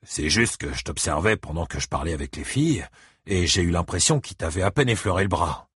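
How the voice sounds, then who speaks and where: A man's voice: low voice, lively intonation, brisk, a bit bright, husky, no room sound, clean studio sound, heavily acted. A man voicing a wary, wry adult male friend in an audiobook, talking cautiously.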